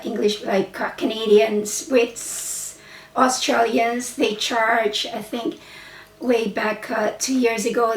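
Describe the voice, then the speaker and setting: A woman with a Filipino accent chatting casually as a vlogger, rambling and often correcting herself mid-sentence. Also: on the high side. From Philippines. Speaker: vlogger and English teacher. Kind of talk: casual chat to camera. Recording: roomy, voice from a distance.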